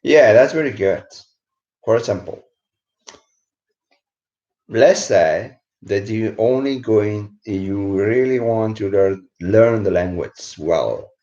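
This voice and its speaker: A man with a Spanish accent talks slowly through a live-streamed English lesson, his voice low and mellow. He keeps checking in with his viewers as he goes. The sound is dull and lo-fi and echoes around the room. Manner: switches between English and Spanish, keeps asking "¿vale?". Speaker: English teacher. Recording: roomy, dull lo-fi stream audio.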